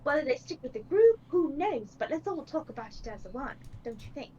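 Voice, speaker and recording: A woman's voice: sits high, very animated, darkish tone. A woman voicing an articulate woman adventurer who argues her case point by point. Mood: persuasive. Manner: measured and persuasive, debating point by point. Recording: slightly dull with faint noise.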